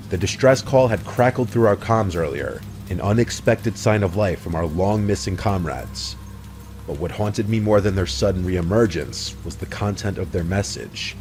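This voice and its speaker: A man narrating a horror story in a measured, brooding scripted delivery. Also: sits low, darkish tone, a little hiss or hum.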